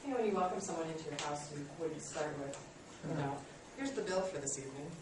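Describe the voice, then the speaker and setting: A woman's voice: low voice, animated, fast talker, distant mic, background noise. Woman teacher in an echoey classroom. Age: 30s. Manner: friendly, self-deprecating, many ums. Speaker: college instructor. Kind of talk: classroom lecture.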